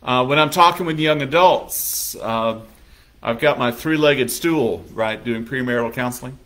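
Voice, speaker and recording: A man's voice: medium pitch, normal speed, a bit bright. A man preaching a sermon as pastor in a conversational manner, now and then acting out little scenes in quoted voices. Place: church sanctuary.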